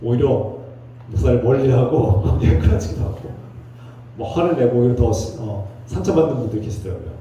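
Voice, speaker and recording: A man's voice: medium pitch, expressive, a little fast, dark tone, lo-fi sound. A middle-aged man preaching a Sunday sermon as pastor, talking earnestly and conversationally, at times acting out heated quoted voices. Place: church sanctuary during Sunday worship. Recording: echoey hall from far off with faint hum.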